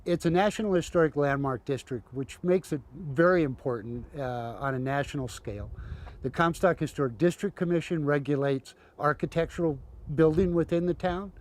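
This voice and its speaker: A man's voice: a little high, moderate pace. A man, a local resident, speaking wryly in an interview.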